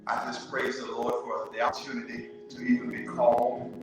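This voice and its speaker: A man's voice: medium pitch, level tone, a little fast, music in the background. A man from the southern United States preaching a sermon in a church, telling stories and leading call and response. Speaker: pastor. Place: church sanctuary. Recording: echoey church hall from far off.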